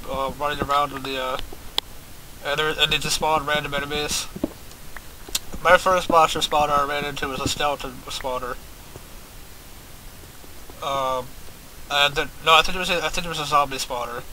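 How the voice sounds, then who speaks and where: A man's voice: on the high side, fairly even intonation, moderate pace, pauses often, background noise. Chatty, cussing gameplay commentator man. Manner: rambling, swears often, filler-heavy, talks to viewers. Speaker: let's play host.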